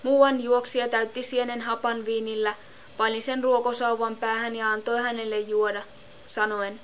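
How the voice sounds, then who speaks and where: Woman reader for a Bible audiobook; measured, level and unhurried, with a slightly high voice. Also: slight background noise. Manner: steady, measured reading. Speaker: scripture reader. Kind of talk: Bible reading.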